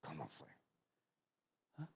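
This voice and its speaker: A male pastor preaching a sermon, telling stories with animation and rising to sudden loud climaxes. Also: slow.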